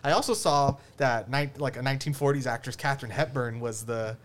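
A man in casual podcast conversation, loose and easygoing, talking about films. His voice sits at an ordinary middle pitch and wanders a bit between thoughts, trailing off now and then. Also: fairly quick. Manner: relaxed, rambling with fillers. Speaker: podcast host. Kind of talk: casual film discussion.

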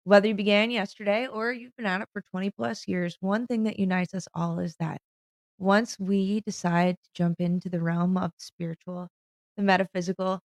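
A woman hosting a video podcast on spiritual growth, talking in a warm, smiling, earnest way. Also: mid-range voice, dry recording. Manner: upbeat, earnest, smiling delivery. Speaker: podcast host and spiritual guide. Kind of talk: casual spiritual podcast talk.

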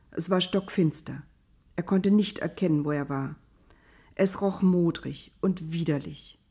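A woman calmly narrating a storybook in a measured way. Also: on the low side, slightly rough.

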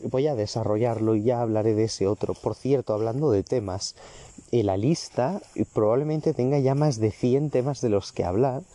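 A man's voice: medium pitch, moderate pace, mellow, no room sound. A seventeen-year-old man, ranting profanely and self-mockingly in a casual podcast-style monologue, recorded outdoors in a garden. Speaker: vlogger.

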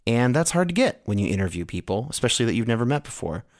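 A man's voice: mid-range voice, very animated, quick pace. A man hosting a podcast, chatting casually with his co-host and introducing interview clips. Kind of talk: casual co-hosted podcast chat.

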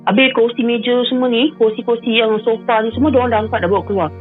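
A woman's voice: a little high, steady tone, quick pace, phone-quality sound, soft background music. A woman, calling in to tell a personal story and slipping English phrases into her telling, often repeating herself. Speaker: caller. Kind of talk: personal storytelling on a call-in show.

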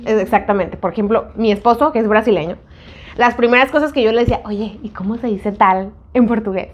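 A woman's voice: on the high side, fairly quick, highs cut off. A woman on a radio show, talking frankly in casual chat and laughing easily. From Mexico. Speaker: radio host.

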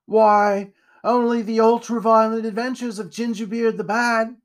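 A cheeky young newsboy chirps in a high, bright voice, as a man puts him on. He talks back with a saucy, street-wise manner. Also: flat delivery. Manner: cheeky, quick.

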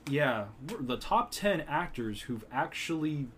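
A man's voice: a little high, sing-song, measured pace, a bit bright. A young man co-hosting a podcast in casual chat, rambling and self-mocking, often restarting his sentences. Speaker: podcast co-host.

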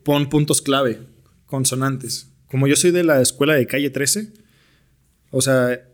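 A man's voice: mid-range voice, fairly even intonation, measured pace. A young man with a Mexican accent, a podcast guest telling stories in slangy, laid-back talk. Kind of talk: casual storytelling interview.

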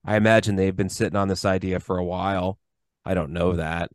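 A man's voice: deep voice, steady tone, a little fast, clean tone, no echo. A man co-hosting a podcast, giving an enthusiastic, rambling film review in casual chat. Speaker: podcast co-host.

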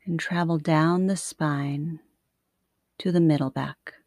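Slow soothing lady doing sleep meditation like a bedtime story narrator, long pauses, really dry close sound. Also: low-pitched, steady tone, darkish tone, no room sound. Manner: soothing, unhurried, with long pauses between short phrases. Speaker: yoga nidra meditation teacher.

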